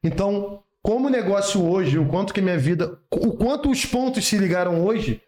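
A man's voice: sits high, lively intonation, moderate pace, a little mellow. A man in his late twenties with a Brazilian Portuguese accent, chatting casually and jokingly in slang as a podcast host. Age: late 20s. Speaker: podcast host, ex-army sergeant and exam-course seller.

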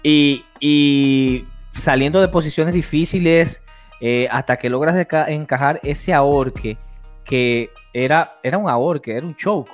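A man hosting an interview show, excitable and full of restarts and repeated phrases. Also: on the high side, a little slow, faint music behind. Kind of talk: casual interview.

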